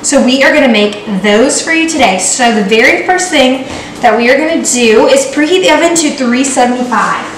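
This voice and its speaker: A young woman vlogger hosts a casual baking video in her home kitchen, joking and chatting in a bubbly, playful way. Her voice is high-pitched and a little fast. A camera set back from her picks it up, and the kitchen sounds echoey and noisy.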